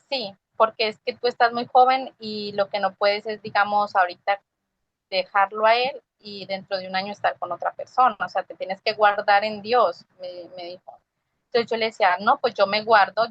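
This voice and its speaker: A woman's voice: mid-range voice, fairly bright tone, no echo, highs cut off. A young woman tells her personal faith testimony in a conversational way and acts out the quoted dialogue as she goes. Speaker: testimony guest.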